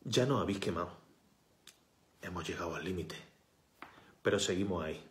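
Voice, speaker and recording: A man's voice: low-pitched, moderate pace, fairly bright tone. A man, a healthcare worker making an impassioned protest appeal straight to his phone camera, fiery and emphatic, sometimes dropping to a whisper for stress. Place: small indoor room, bright window behind. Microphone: phone camera at arm's length. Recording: echoey room.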